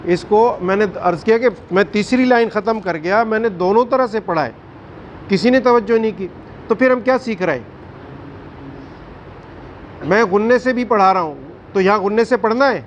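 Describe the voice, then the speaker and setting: Man, recitation teacher, high pitch, firm, questioning, muffled lo-fi recording. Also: long pauses, a little hiss or hum. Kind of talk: classroom tajweed lesson.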